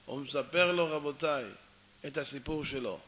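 A man's voice: fairly high pitch, a little hiss or hum. A male rabbi telling a story in a sermon, speaking with animation, calling out to his audience and acting out the dialogue. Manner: animated, addresses audience often, acts out dialogue.

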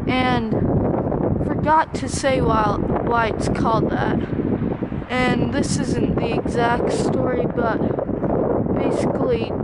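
With a rather high voice and a very slow, unscripted, faltering delivery, a vlogger walks viewers through ruins in the woods along a river near a bridge. The handheld camera mic, operated from behind, captures noisy audio with outdoor ambience and vehicles driving past.

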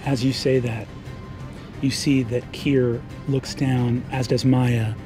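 A man's voice: mid-range voice, flat delivery, music in the background. A man running a tabletop game as game master, narrating scenes with frequent fillers. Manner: quick, hesitant with fillers.

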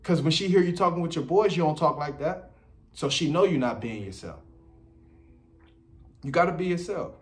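A man's voice: a little high, lively intonation, normal speed, pauses often. A man, giving blunt dating advice in a casual monologue full of slang and repetition. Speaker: dating commentator.

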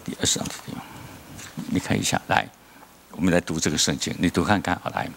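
A man with a fairly low voice preaching in a Taiwanese Mandarin accent. He tells stories with energy and keeps tossing rhetorical questions to the congregation. He chuckles at his own jokes as he goes. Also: fairly even intonation, quick pace, creaky, a bit bright, a little hiss or hum. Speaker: pastor. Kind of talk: sermon. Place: church.

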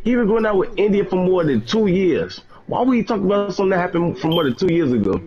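A man's voice: high-pitched, very animated, fast talker, a little mellow. A young man chatting casually with friends while gaming, trash-talking and laughing often. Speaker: gaming channel host. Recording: slightly dull lo-fi mic.

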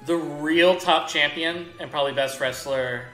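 Rambling chatty gamer guy, bright voice. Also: fairly high pitch, unhurried. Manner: rambling, chatty storytelling with many restarts. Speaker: gaming streamer. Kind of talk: casual chat while playing a video game. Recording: echoey room with faint game music.

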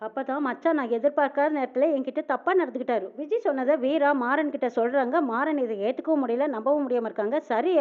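A woman rattles through a recap of a TV serial episode with rapid, breathless storytelling. Her voice is high, and the sound is narrow and tinny, like a phone line. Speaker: narrator.

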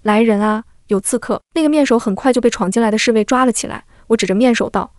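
A woman reads a historical romance audiobook as scripted narration, in a fairly high voice and at a brisk, rapid pace. Every character comes out in the same even reading voice, and the recording is close and dry, with no room sound. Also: dry recording. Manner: reads all characters in one steady voice.

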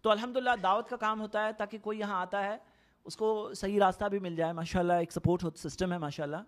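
Guy from india talking religion casually, earnest, high voice, keeps repeating stuff to drive it home. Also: steady tone, fast. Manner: earnest, explanatory, repeats points for emphasis. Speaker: Islamic speaker. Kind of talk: conversational religious talk. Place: Saudi Arabia.

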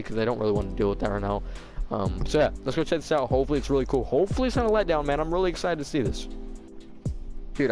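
A young man doing casual, slangy video game commentary, with a slight lisp from tightened braces. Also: medium pitch. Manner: informal slangy bro-style talk. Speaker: gaming YouTuber.

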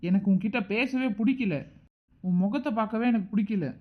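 A woman's voice: on the high side, brisk, natural voice. A woman voicing an angry, protective middle-aged father in a homemade cartoon, speaking harshly and with threats. The recording is dull and lo-fi.

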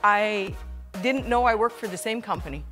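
A woman's voice: medium pitch, moderate pace, fairly bright tone. A woman speaking candidly about her career path in a studio interview testimonial. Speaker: employee in a recruitment video. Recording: background music.

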